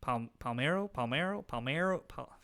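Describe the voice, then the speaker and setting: Midwestern guy in his 30s rambling through a let's play, lots of ums, bright and clean sounding. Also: medium pitch, expressive, normal speed, clean tone. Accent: Midwestern American. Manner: rambling, filler-heavy, self-deprecating. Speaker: gaming YouTuber. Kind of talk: casual let's-play commentary.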